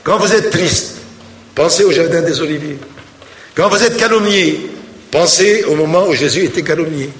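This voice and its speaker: A man, a priest, preaching a sermon with animated storytelling. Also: a little high, normal speed, roomy sound, big-room sound.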